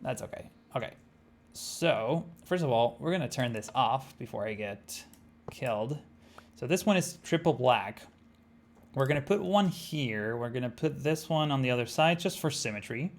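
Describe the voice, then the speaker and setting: With an expressive, mid-range voice at moderate speed, a young Argentine streamer speaking with an Argentine Spanish accent chats casually with viewers during a game. He thinks out loud, leaning on many fillers.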